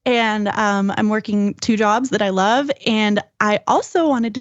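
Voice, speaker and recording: A woman's voice: mid-range voice, measured pace, no room sound, highs cut off. A woman co-hosting a podcast, chatting casually and telling personal anecdotes. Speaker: podcast co-host. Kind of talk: casual chat.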